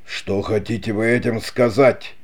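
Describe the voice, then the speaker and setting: Man playing an anguished aging nobleman, audiobook, low pitch, mellow dark tone. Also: fairly even intonation, measured pace, natural voice. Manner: anguished, pleading, outraged. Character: aging, grief-stricken Spanish nobleman father. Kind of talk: audiobook character reading.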